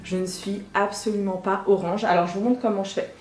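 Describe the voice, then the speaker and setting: A woman's voice: mid-range voice, fairly even intonation, a little fast, darkish tone. A woman beauty vlogger chatting casually and bubbly, talking straight to her viewers while unboxing. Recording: echoey room with faint music.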